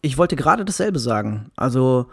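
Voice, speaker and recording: A man's voice: mid-range voice, sing-song, moderate pace, gravelly, a bit bright, slightly rough, no echo. Man chatting, dry close sound. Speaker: podcast guest, writer and musician. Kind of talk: casual podcast conversation.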